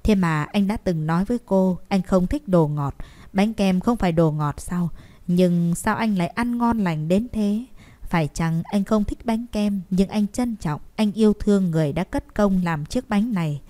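A woman's voice: mid-range voice, moderate pace, dark tone, lightly acted. A woman doing a wry, jealous young carer. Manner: cool, wry.

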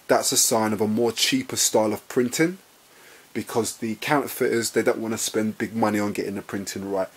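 A man with a London accent talking casually as he reviews a jacket at home, chatty and relaxed, often calling his viewers guys. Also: fairly low pitch, breathy edge. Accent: London English. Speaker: fashion vlogger reviewing a jacket. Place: indoors, at home beside a bed.

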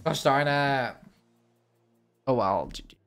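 A man's voice: mid-range voice, slow pace, a bit bright, clear, resonant tone, faint music behind. A man streaming a game live, chatting casually with his viewers and reading their messages. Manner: chatty, reacting to chat and wrapping up with thanks.

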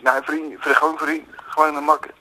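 A man's voice: fairly high pitch, flat delivery, fairly quick, bright, forceful tone, poor audio. A man calling in to a radio show, rambling and flustered, breaking off to scold someone in the room beside him. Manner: flustered, distracted, scolding someone nearby mid-call. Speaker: radio caller. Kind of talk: rambling phone-in chat.

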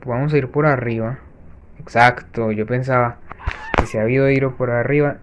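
A man hosting a let's-play, chatting to viewers as he plays and breaking off with quick gasping reactions. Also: mid-range voice, steady tone, lo-fi sound, background noise. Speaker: gaming channel host. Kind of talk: let's-play gameplay commentary.

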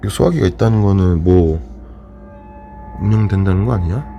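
A man's voice: low voice, normal speed, dark tone, dull audio, faint music behind. A man exploring an empty school at night with friends, talking in a jumpy, nervous way and swearing often. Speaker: vlogger exploring a closed school. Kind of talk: casual night exploration vlog.

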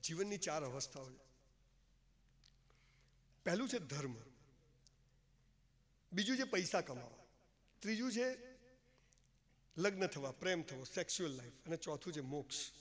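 A man's voice: fairly high pitch, expressive, normal speed, pauses often, a bit bright. A man giving an emphatic, folksy motivational speech to an audience, joking and mixing in English phrases. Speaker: motivational speaker. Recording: long hall reverb.

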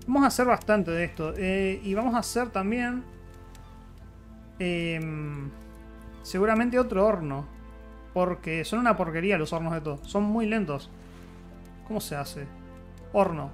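A man with a Rioplatense Spanish accent, chatty let's-play commentary as he thinks aloud through crafting and fights. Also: sits high. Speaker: gaming YouTuber.

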